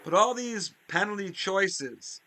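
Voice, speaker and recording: Excited, bright-voiced man calling hockey plays. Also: takes it slowly, no echo. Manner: rises sharply in pitch and volume on big plays, chatty asides. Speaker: play-by-play commentator for a video game hockey league. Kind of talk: excited play-by-play commentary.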